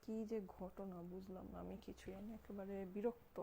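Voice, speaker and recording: A young woman with a Bangladeshi Bengali accent hosts a live clothing sale in a hushed voice, careful not to wake her sleeping child. Her tone is mellow and warm. She keeps repeating her praise and checking in with the listeners, over a faint background hum. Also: mid-range voice, fairly even intonation, moderate pace, creaky, rough recording. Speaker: online clothing seller. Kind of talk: Facebook live sales pitch.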